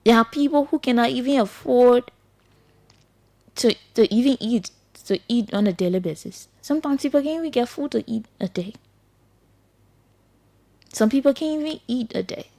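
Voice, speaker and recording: Liberian woman, radio host, earnest commentary, slightly high voice. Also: normal speed, long pauses, warm tone. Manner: earnest, repetitive, pleading.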